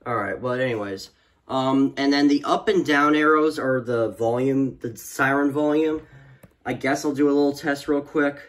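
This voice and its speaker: This student, a teenager or young adult, is a weather radio enthusiast doing an unscripted product review indoors. He rambles and trails off a lot. His mid-range voice moves at a moderate pace, and the handheld phone recording in a small room carries a little hiss or hum.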